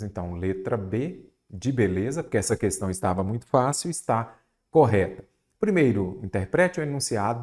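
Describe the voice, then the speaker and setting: A man's voice: lowish voice, darkish tone. A Brazilian Portuguese teacher working through exam questions, asking and answering his own questions and stretching key words. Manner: repeats a mnemonic, stretches words for emphasis. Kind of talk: exam-prep lesson, solving questions aloud.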